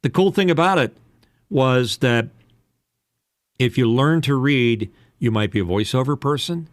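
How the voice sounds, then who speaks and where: A man in his late sixties, a seasoned voice-over announcer and podcast host, chats casually like a coach, giving candid, rambling explanations about voice-over work. His mid-range voice is animated and a little slow, captured in a dry, clean studio recording.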